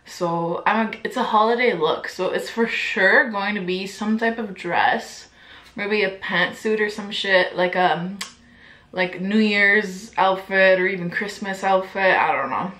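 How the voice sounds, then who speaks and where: A young woman in her twenties talks casually to her camera, giggling and filling her speech with "like" and swear words. Her voice is bright and forward. The room around her rings with noticeable echo. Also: mid-range voice, unhurried. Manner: chatty, giggly, peppered with "like" and swearing. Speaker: vlogger. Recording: echoey room.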